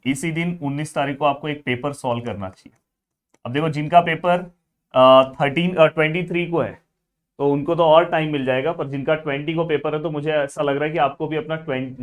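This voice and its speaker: Energetic tutor man. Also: on the high side. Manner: energetic, addresses students as friends. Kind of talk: exam study-plan lesson.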